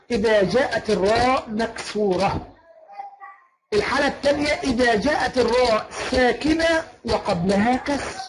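In a noisy online lecture recording, a man with an Egyptian accent and a high voice teaches the rules of Quran recitation. He chants lines of verse slowly and repeatedly asks his students whether everything is clear.

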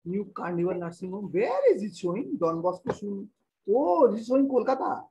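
A man's voice: high-pitched, big pitch swings, moderate pace, mellow, slight background noise, rough recording. A man teaching an online class, repeating his words and stalling with hesitations as he explains. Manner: repetitive, thinks aloud with many hesitations.

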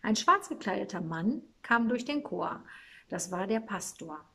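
A woman reading a Christmas storybook aloud in a calm, measured storytelling manner. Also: medium pitch, creaky, slightly rough.

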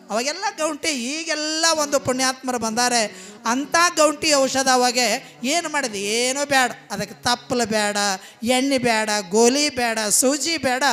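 A man's voice: very high voice, bright, forceful tone. A man with a North Karnataka Kannada accent preaching a devotional sermon. He tells the story with passion and emphasis, acting out the people he quotes. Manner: impassioned, emphatic, retells scenes with quoted voices.

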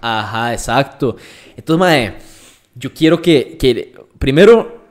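A young man with a Costa Rican accent talks in a loose, casual podcast chat. He is blunt and emphatic and packs his talk with street slang, with a voice of middling pitch. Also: expressive, a little slow. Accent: Costa Rican Spanish. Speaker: podcast guest, fitness influencer.

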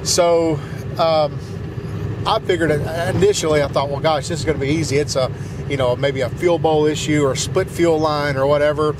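A man's voice: on the high side, steady tone, moderate pace. Rambling Southern man driving a truck. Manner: rambling, hesitant with many fillers and restarts. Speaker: truck vlogger. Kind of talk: casual storytelling while driving. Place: inside a pickup truck cab, driving in snow. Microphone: dash-mounted camera. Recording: road noise behind.

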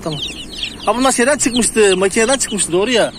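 A man's voice: high voice, fairly quick. A man vlogging in a farmyard, chatting to his viewers and calling to his chicks and geese. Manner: chatty, talks to viewers and calls to the animals. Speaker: hobby farm vlogger. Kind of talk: casual outdoor vlog. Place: outdoors in a farmyard with poultry. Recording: noisy outdoor farmyard recording. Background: chickens, roosters and birds.

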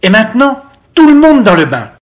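A reader doing a gruff grumbling goat dad. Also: medium pitch, sing-song, unhurried, a bit bright. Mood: stern. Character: grumbling goat father, stern.

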